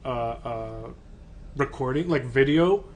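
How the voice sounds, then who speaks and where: A man's voice: mid-range voice, takes it slowly. A man co-hosting a podcast in casual chat, rambling and filling his talk with fillers. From United States. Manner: rambling, heavy use of filler words. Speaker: podcast co-host.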